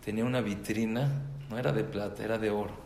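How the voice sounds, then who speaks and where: A man's voice: on the low side, fairly even intonation, fast, gravelly, a little mellow, slight background noise. A man telling a story to an audience of mothers, repeating words for emphasis and acting out the characters' voices. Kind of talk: storytelling talk. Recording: echoey room, faint ambience.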